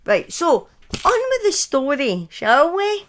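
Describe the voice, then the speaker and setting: A Scottish woman in her thirties tells true crime stories casually on a live stream, often wandering into chatty asides and correcting herself. Her voice sits high and sing-song, and she takes it slowly.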